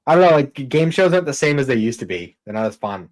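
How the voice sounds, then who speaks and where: A man's voice: medium pitch, big pitch swings, fast. A man co-hosting a podcast in casual chat, rambling with lots of fillers and swearing. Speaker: podcast co-host.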